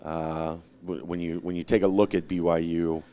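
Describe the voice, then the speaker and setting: A man asking a coach a question at a press conference, casual and halting. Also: sits low, little pitch movement, warm tone, clear, resonant tone. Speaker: reporter.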